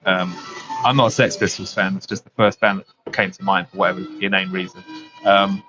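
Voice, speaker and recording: A man, a guest speaking thoughtfully in a casual interview, often pausing and restarting. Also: low-pitched, flat delivery, over music. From London, England. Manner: reflective, hesitant with many restarts and ums. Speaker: guest, running writer. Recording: dull, dry lo-fi audio.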